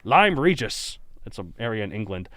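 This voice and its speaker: A man hosting a casual podcast, with a smooth, resonant voice that rises and falls a lot as he talks. He jokes, laughs often and trips over words, recorded close and dry. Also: on the low side, very animated, moderate pace, a bit bright, dry recording. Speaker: podcast host. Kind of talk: casual chat.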